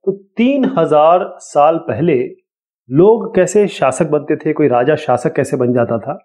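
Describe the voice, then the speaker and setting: A man explaining an exam lesson to students in a casual, explanatory way, reading questions out slowly. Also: on the high side, a little mellow. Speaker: teacher. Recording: tinny, phone-like sound.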